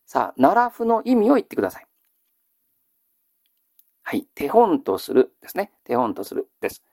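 A man teaching a classical Chinese reading lesson, patiently drilling listeners with questions and repeating the answers in a polite, measured way. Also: a little high, wildly swooping pitch, creaky, a little mellow, dry recording, clean studio sound. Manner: polite, measured lecturing with frequent fillers.

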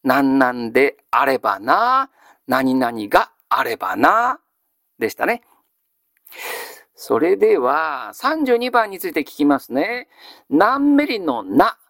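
A male teacher giving a grammar lesson. He asks a question, then answers it himself in a measured way. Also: fairly high pitch, very animated, fairly bright tone, no echo, studio quality. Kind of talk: classical Japanese grammar lesson.

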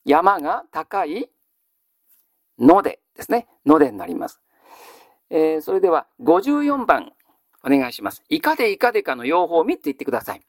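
A man's voice: on the high side, huge pitch swings, no echo, clean studio sound. Male teacher quizzing a class. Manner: measured, quizzing, then answering own questions. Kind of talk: classical Japanese grammar lesson.

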